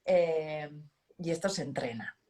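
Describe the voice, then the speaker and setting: A woman's voice: low-pitched, a little slow. A middle-aged woman from hosting a conversation, talking expressively and reflecting on her own thoughts. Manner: expressive, animated, self-reflective. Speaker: host. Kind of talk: casual conversation.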